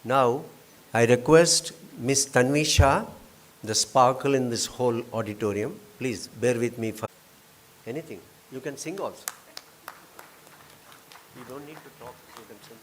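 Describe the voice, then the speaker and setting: A man's voice: medium pitch, a little slow, pauses often. A man with an Indian accent making courteous, effusive announcements as master of ceremonies. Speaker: event host, master of ceremonies. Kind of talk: formal event announcements with informal asides. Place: auditorium at a convention. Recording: live hall PA, faint background ambience.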